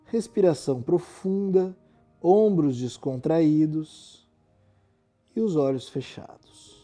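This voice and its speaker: Faint music plays behind a Brazilian-accented man leading yoga relaxation. His voice is a little high and slow, and his instructions come across calm and soothing with a gentle touch.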